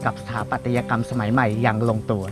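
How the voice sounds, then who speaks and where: A man's voice: medium pitch, level tone, quick pace. A man hosting a TV segment, reading a script in an upbeat voice and talking straight to the viewers. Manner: upbeat, addresses viewers directly. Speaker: host. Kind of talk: scripted presenting. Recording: music bed under voice.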